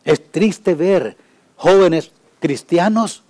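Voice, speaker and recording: A man preaching a sermon as a pastor, swinging from loud pleading to hushed warnings. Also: high voice, drawn-out words.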